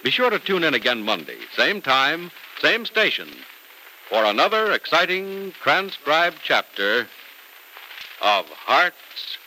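Male old radio announcer, American accent, swooping emphatic pitch, bright forceful voice, polished sales delivery, noisy vintage recording. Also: very animated, slow pace. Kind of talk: old-time radio announcer narration and ad read.

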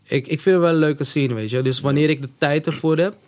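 A man talking casually as a guest in a podcast chat, relaxed and dropping English slang into Dutch. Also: on the high side, fast. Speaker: music artist guest.

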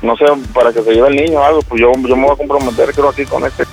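This Mexican radio host's voice is medium-pitched and fairly even, creaky and a little mellow, with soft background music underneath. Pranking someone by phone, he plays an upset husband, faltering, hesitating, and restarting constantly.

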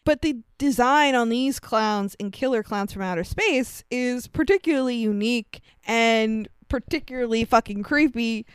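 A woman's voice: a little high, clean tone, no room sound. A young woman co-hosting a casual movie review podcast, laughing often and talking with animation. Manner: laughs often, animated, bursts into silly put-on voices. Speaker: podcast co-host.

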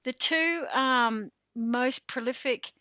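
A woman with an Australian accent, a football coach co-hosting a casual sports podcast, animated and quick to laugh. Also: sits high, dry recording. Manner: animated, chatty, laughs often.

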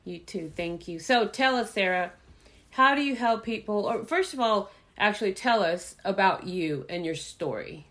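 A woman's voice: mid-range voice, animated, normal speed, fairly bright tone. A woman hosting an interview show, welcoming her guest with effusive praise and encouraging her with short murmurs. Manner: upbeat, effusive introductions with frequent back-channel murmurs. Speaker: host. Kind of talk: interview host.

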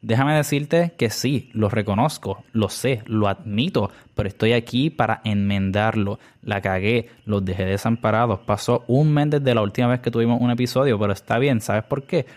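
A man's voice: lowish voice, moderate pace, few pauses, darkish tone. A young man with a Puerto Rican accent hosting a casual podcast monologue, chatty, with many fillers and English words mixed in. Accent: Puerto Rican Spanish. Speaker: podcast host.

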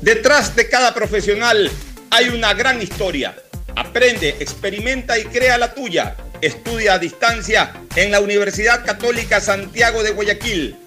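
Bright, high-voiced male announcer. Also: normal speed, faint music behind. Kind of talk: scripted commercial.

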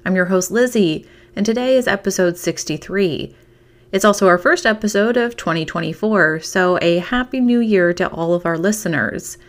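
A woman hosting a podcast, reading a scripted true crime story with measured, dramatic storytelling phrasing. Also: medium pitch. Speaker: podcast host.

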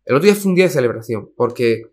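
A man speaking as an interview guest, in a mid-pitched voice. He talks emphatically and colloquially, with slang and the odd curse thrown in. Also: lively intonation, racing, darkish tone. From Cádiz, Spain. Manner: emphatic, colloquial, peppered with slang and mild swearing. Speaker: singer-songwriter guest. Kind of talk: casual interview chat.

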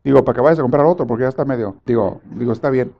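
A man preaching a sermon, swinging from soft asides to loud, pleading prayers he acts out. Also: mid-range voice, racing, creaky, highs cut off.

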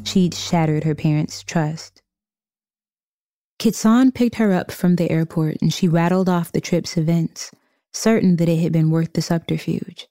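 A woman reading a scripted story narration in a measured storytelling manner. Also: on the low side, fairly even intonation, mellow, dry recording, studio quality, faint music behind.

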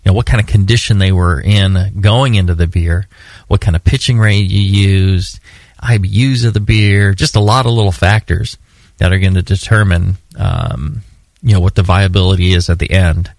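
A man's voice: low voice, moderate pace, gravelly, darkish tone, no room sound, clean studio sound. A man co-hosting a homebrewing podcast, talking in a loose, rambling way with lots of fillers and some teasing. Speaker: podcast co-host. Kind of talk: casual podcast chat.

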